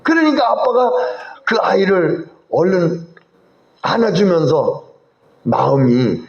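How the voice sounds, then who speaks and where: A man's voice: high voice, lively intonation, slow, vocal fry, echoey room, lo-fi sound. A male pastor preaching a sermon in a church sanctuary, speaking animatedly and putting questions to the congregation.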